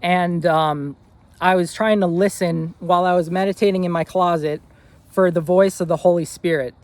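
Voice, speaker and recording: A man's voice: high voice, steady tone, normal speed, darkish tone, no echo. A young man in his twenties telling a personal story in an earnest, rambling way, with fillers and restarts. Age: 20s. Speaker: vlogger.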